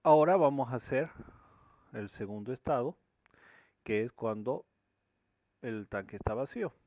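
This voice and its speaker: A man's voice: mid-range voice, expressive, normal speed, no room sound. A man teaching a screen-recorded programming lesson, explaining each step and often checking that students follow. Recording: dry, dull lo-fi recording.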